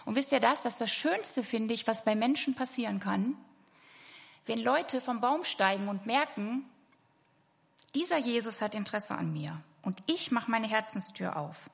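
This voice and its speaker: A woman's voice: on the high side, measured pace, vocal fry. A woman preaching a sermon to her congregation, earnest and speaking to them directly. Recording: hall reverb.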